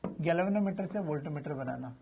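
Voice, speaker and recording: A man's voice: fairly high pitch, fairly quick, warm tone, slight background noise. A man teaching physics in a chatty, informal lecture, asking questions and answering them himself. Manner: addresses students familiarly, slips in slang.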